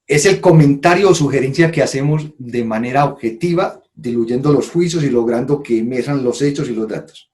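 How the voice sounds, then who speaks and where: A man's voice: medium pitch, moderate pace, a little mellow. A man giving a conference talk, acting out quoted phrases and often checking in with "¿sí?". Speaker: conference speaker. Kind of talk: live lecture to an audience.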